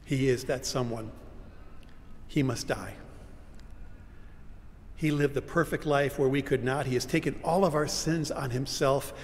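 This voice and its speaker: Older pastor preaching in a reverberant church. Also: male voice, mid-range voice, a little slow, pauses often. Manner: dramatic, swinging between loud cries and hushed whispers. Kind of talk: sermon. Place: large church sanctuary, standing at a pulpit. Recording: long church reverb, faint room hum.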